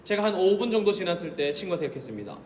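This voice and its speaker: A man's voice: big pitch swings, racing. A man preaching a sermon as a pastor, telling a story and building to emphatic exhortation. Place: church sanctuary. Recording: echoey hall, faint rumble.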